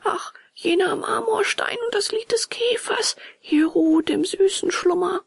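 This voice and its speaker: A woman voicing an excitable young wooden puppet boy in a storybook reading, high and often whispered. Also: normal speed, gravelly, dry recording, clean studio sound, full character voice. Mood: pleading.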